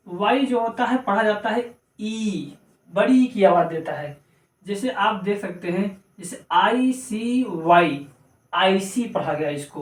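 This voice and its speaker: Man teaching in an echoey room. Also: high-pitched. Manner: spells words out letter by letter, repeats points. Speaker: English pronunciation teacher. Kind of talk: explanatory lesson. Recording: echoey room, mic at a distance.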